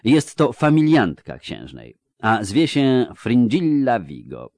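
A man's voice: medium pitch, huge pitch swings, slow, creaky, a little mellow, no echo, clean studio sound, voice pushed up, full character voice. A man voicing a portly, pompous court chamberlain who speaks formally and pedantically about etiquette. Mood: pedantic.

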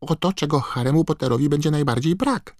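A man voicing an excitable male house-elf servant who squeaks and screeches and talks about himself in the third person. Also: a little fast, dry recording, clean studio sound, close to an everyday voice. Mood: eager, urgent.

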